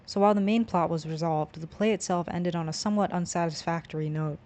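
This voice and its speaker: A woman's voice: fairly low pitch, fast, darkish tone. A woman streamer reading a visual novel aloud, narration and the player's lines, stumbling at times.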